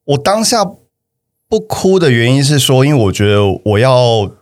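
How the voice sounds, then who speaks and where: A man's voice: mid-range voice, very animated, normal speed. A young man with a Taiwanese Mandarin accent, casually telling a personal story on a podcast, hesitant and often repeating himself. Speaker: guest telling his breakup story.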